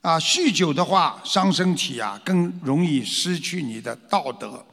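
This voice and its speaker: Speaking at a measured pace with a slightly high voice and some vocal fry, a man addresses a lecture to his followers. He's animated, throwing out rhetorical questions and performing scared voices, and the recording carries a long hall reverb.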